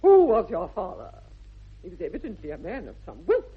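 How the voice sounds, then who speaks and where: A woman's voice: mid-range voice, wildly swooping pitch, a little fast, breathy edge, exaggerated voice. An actress playing a formidable, snobbish older aristocratic lady with an upper-class English accent in a British radio comedy of the 1960s, haughty and theatrical. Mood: haughty, probing. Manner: imperious, haughty, theatrical swooping delivery. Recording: dull vintage radio recording.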